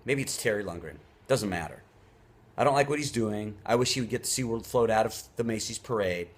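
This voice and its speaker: A man's voice: fairly low pitch, brisk. A man who hosts a show, delivering an off-the-cuff opinion rant in an emphatic, indignant way, leaning hard on key words. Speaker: show host.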